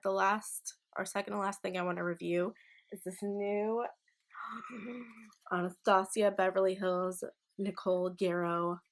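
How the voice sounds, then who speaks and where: Her voice is mid-range, creaky and fairly bright: a slightly drunk twenty-something beauty vlogger chatting to camera during a laid-back makeup tutorial. She swears freely and piles on enthusiastic slang.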